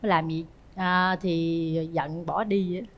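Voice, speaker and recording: A woman's voice: lowish voice, steady tone, slow. Nervous young woman. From Trà Vinh, Vietnam. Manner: hesitant, many fillers, nervous. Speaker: dating show contestant.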